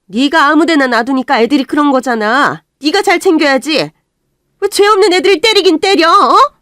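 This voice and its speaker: A woman voicing a harsh middle-aged mother who scolds and shouts at her daughter in a storybook radio drama. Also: a little high, animated, normal speed, dry recording, studio quality, pitched above the performer's own voice, lightly acted. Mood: shouting.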